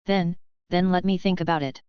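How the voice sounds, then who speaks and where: A woman's voice: fairly low pitch, fairly even intonation, moderate pace, smooth, no room sound, lo-fi sound, close to an everyday voice. A woman voicing a shy, stuttering eighteen-year-old boy gamer in an audiobook. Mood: timid. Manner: stutters on first words, timid.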